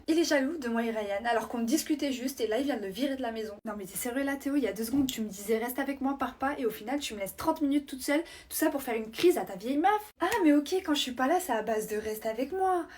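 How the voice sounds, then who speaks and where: A woman rattles through comedy sketch scenes, switching between characters. Her voice sits a little high, and the lines come fast, slangy and full of bickering. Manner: quick slangy bickering banter.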